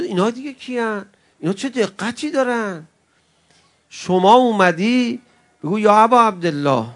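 High-voiced man preaching an impassioned sermon. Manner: swings between loud impassioned cries and soft, intimate address to the audience; chummy, calls listeners friends. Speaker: preacher at a mourning gathering. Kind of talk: emotional religious sermon.

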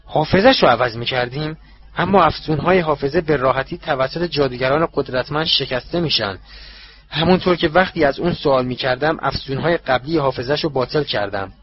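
A man voicing a cruel, ruthless dark master who speaks in a cold, contemptuous, husky voice. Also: medium pitch, muffled recording, close to an everyday voice. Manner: cold, slow and menacing, contemptuous. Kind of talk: audiobook character voice.

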